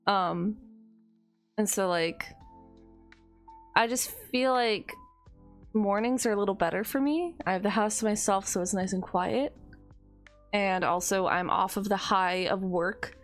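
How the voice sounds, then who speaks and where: A woman's voice: medium pitch, unhurried, long pauses, soft background music. A woman streamer chatting casually to her viewers, rambling with frequent laughs and a tired edge.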